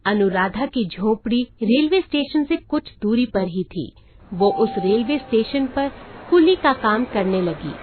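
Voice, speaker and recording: A woman narrating a cartoon story in a steady storytelling manner. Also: on the high side, measured pace, husky. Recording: tinny phone-like sound.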